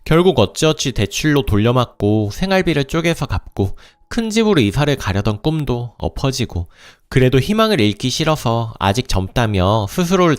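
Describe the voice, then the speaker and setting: A man reading a first-person life story aloud as calm, scripted narration. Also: medium pitch, dry recording, clean studio sound.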